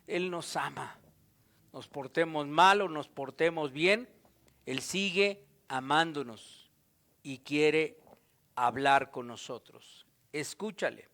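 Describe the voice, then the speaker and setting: A man's voice: a little high, slow pace. A man preaching a sermon, asking his listeners questions and acting out the voices in the story. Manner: animated, asks the listeners questions, acts out voices in quotes.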